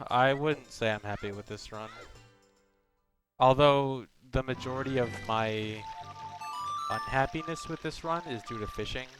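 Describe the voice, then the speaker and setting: A young man, a speedrunner, chatting casually with stream viewers in a flat, monotone way, with many ums and restarts. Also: medium pitch. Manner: hesitant, full of fillers.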